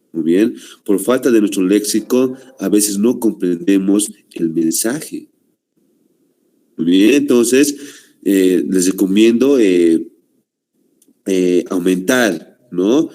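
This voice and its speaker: A man with a Bolivian Spanish accent lecturing a class, halting with fillers and constant "¿no?" tags. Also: deep voice, mellow. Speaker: teacher.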